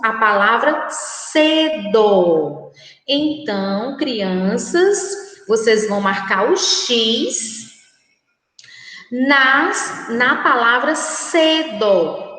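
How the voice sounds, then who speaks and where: Slow high-voiced Brazilian teacher, echoey room. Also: female voice, fairly bright tone. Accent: Brazilian Portuguese. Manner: slow, careful, repeats words for children to say aloud. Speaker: primary school teacher. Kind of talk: recorded remote lesson for children. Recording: very echoey room with long reverb.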